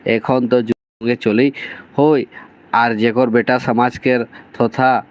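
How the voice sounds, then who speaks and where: A man's voice: mid-range voice, muffled recording. A man teaching an exam-prep class, reading dialect passages from a novel and explaining them, often checking in with his listeners.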